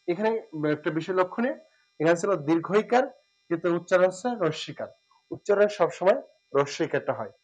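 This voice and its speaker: A man giving a spoken lesson, explaining step by step and repeating words slowly and drawn out. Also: on the high side, rough recording. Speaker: teacher.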